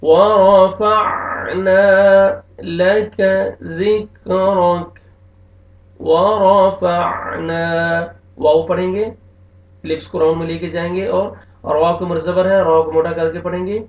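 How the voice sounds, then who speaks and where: A man teaching Quran recitation online, drawing out each word slowly and then explaining the rules quickly. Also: a little high, little pitch movement. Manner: slow drawn-out recitation alternating with quick explanations. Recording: echoey, distant, tinny phone-like sound.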